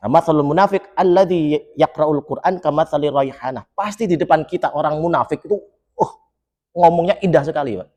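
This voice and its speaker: A man delivers a mosque sermon in a fairly high voice. He keeps it lively, jokes and keeps questioning the congregation. He recites Arabic lines, then explains them in plain words. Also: brisk. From Solo, Central Java. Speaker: preacher.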